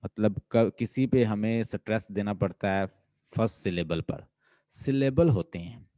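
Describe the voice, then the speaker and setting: A man's voice: lowish voice, unhurried, dark tone, no room sound. A man with a Pakistani accent lecturing as a linguistics teacher, who keeps quizzing his students with repeated questions. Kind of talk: classroom lecture mixing Urdu and English.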